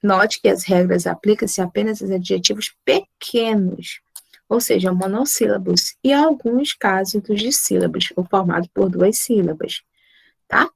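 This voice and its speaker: A woman's voice: mid-range voice, unhurried, creaky, slightly rough, dry recording. A woman from Brazil teaching English grammar to her students, patiently repeating points and checking they follow.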